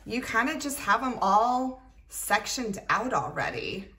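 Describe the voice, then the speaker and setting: A woman's voice: on the high side, lively intonation, slow, pushed and bright. A woman giving a casual, chatty product demonstration at a tabletop while handling small clicking items. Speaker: craft product reviewer. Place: indoors at a tabletop, roomy. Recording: roomy, distant mic, faint noise, clicking. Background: clicks and rattles of handled items.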